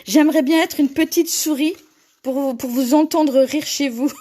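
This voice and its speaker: High-voiced chatty Frenchwoman hosting a live craft tutorial. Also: steady tone, moderate pace, dark tone. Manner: chatty, laughs often while reading comments. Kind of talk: live craft tutorial, reading viewer comments.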